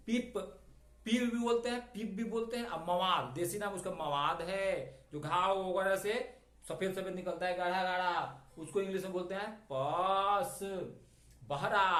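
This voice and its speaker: A middle-aged man teaching an English vocabulary lesson in a chatty, digressive way, stretching out key words slowly. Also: sits high, fairly bright tone. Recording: echoey room.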